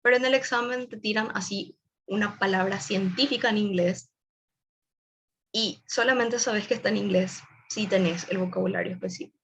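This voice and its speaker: Young woman with creaky voice explaining online. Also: medium pitch, moderate pace, a little hiss or hum. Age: young adult. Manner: explanatory, casual, addresses the audience directly. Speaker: webinar presenter. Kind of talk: online webinar presentation.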